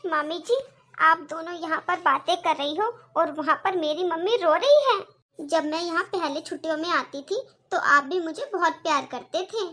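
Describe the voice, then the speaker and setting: An outspoken young girl, voiced by a woman for a Hindi-language cartoon, talking in a very high, sharp voice. She pleads earnestly and stands up for her mother. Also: moderate pace. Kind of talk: cartoon voice acting.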